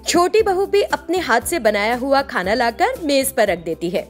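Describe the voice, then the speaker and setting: Female storybook narrator, high and lively, scripted and expressive. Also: normal speed, soft background music.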